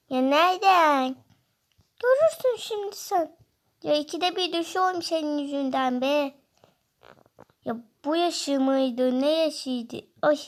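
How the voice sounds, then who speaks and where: A woman giving playful game commentary, whining in fun as if she were a baby. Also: high voice. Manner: playful, whiny, pretending to be a baby. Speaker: gaming video host.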